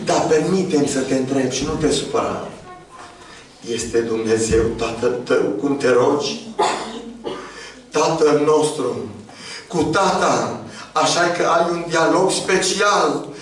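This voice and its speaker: A man preaching a sermon to a congregation, swinging from soft, low asides to high, impassioned calls. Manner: addresses congregation as "dragii mei". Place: church hall. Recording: very echoey church hall from far off.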